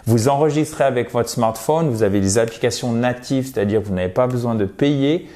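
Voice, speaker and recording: In a video lesson on English pronunciation, a man with a warm, mid-range voice speaks directly to his viewers and encourages them. He models English words slowly, drawing them out.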